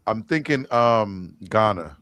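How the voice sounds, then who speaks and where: A man's voice: on the low side, lively intonation, slow, fairly bright tone. A man co-hosting a casual panel chat, laid-back and reflective. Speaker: co-host of a panel show.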